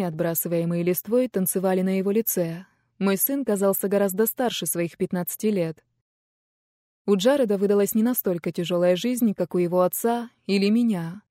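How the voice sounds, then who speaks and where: A woman reading a first-person novel aloud in a quiet, measured, intimate way. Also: medium pitch, dry recording, studio quality. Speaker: audiobook narrator. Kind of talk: first-person audiobook narration.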